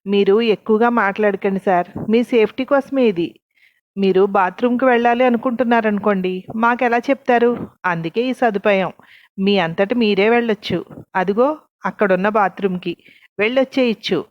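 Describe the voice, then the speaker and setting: A woman's voice: medium pitch, moderate pace, no echo, highs cut off, natural voice. Sly servant woman, chatty, mock-polite, read by a woman narrator; dry audiobook sound.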